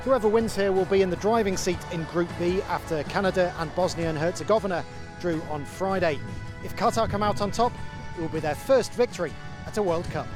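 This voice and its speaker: Male field reporter, measured broadcast read, music bed behind. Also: sits high. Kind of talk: news report.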